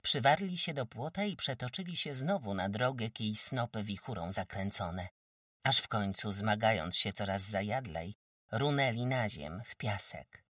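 An audiobook narrator telling a rural tale with lively, rising and falling intonation. The sound is dry, with the voice a bit far from the mic. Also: medium pitch, normal speed, no echo. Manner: lively, expressive storytelling.

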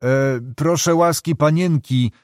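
A man's voice: fairly high pitch, slow pace, smooth, no echo, studio quality. A man voicing a blunt, talkative village coachman with a folksy, rustic way of speaking. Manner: folksy, rustic peasant speech.

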